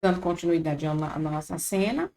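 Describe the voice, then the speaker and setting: A woman's voice: low voice, a little fast, dark tone, slight background noise. A woman with a Brazilian Portuguese accent who teaches French, patiently explaining and repeating each word. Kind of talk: casual video lesson.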